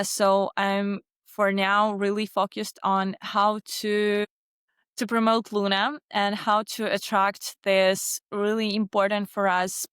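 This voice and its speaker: Ukrainian-accented woman, smooth dry voice. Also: mid-range voice, a bit bright, no echo. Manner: non-native phrasing with frequent restarts. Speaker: guest, agency founder. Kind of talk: casual interview answers.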